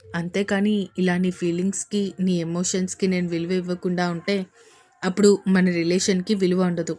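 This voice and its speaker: A woman voicing a young husband who teases his wife playfully and then speaks tenderly, her voice dropped low. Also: level tone, moderate pace, dark tone, natural voice. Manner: playful, coaxing, husky-toned.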